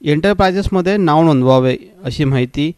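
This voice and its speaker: Crisp, dry male news voice-over. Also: a little high, a little fast, no room sound. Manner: even, formal reading. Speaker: news reader.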